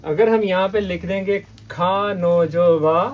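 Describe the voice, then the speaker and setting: Slow, patient male language teacher. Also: sits high, fairly even intonation, muffled recording, slight background noise. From Pakistan. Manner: repeats words slowly, checks in with "okay?". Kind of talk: patient classroom lesson.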